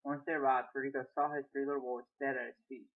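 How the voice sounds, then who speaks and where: A man's voice: mid-range voice, little pitch movement, racing. A young man reading his own short story aloud, plainly, with small restarts, on a tinny phone-like recording. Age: young adult.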